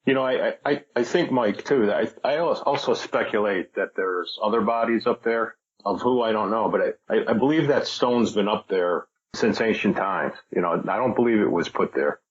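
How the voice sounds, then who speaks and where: A man's voice: fairly low pitch, moderate pace, few pauses, slightly rough. A man appearing as a podcast guest, speaking tentatively and speculatively, with many hesitations and restarts. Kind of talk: casual podcast interview. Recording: dull lo-fi remote audio.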